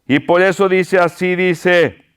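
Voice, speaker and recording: A male pastor delivers a fervent sermon. His voice sits high and sounds smooth and clear. He speaks slowly, pleading and repeating himself for emphasis. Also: steady tone.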